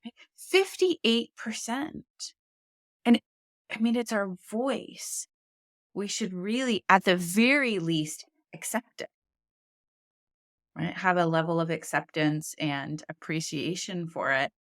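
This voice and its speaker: Speaking slowly in a lowish voice, with studio-quality sound and no room tone, she makes her points earnestly and with emphasis, coming back to the key ones again and again. She teaches speaking classes and co-hosts a podcast about books.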